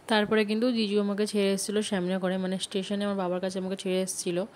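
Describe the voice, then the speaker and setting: Woman vlogger, chatty voice-over narration, flat even delivery, faint hiss behind. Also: mid-range voice, fast. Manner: chatty, explains family names and relations.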